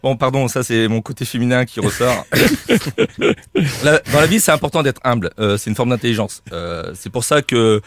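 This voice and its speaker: A man's voice: mid-range voice, normal speed, no echo. A man with a Corsican accent reading a teasing, self-mocking comic chronicle on a radio show, full of hesitant "euh"s. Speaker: radio comedy columnist.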